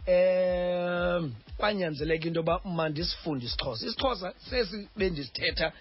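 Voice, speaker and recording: A man's voice: high voice, fairly quick, slightly rough. A man with a South African Xhosa accent, chatting as a radio presenter and repeating words for emphasis, on dull lo-fi audio. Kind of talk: unscripted radio discussion.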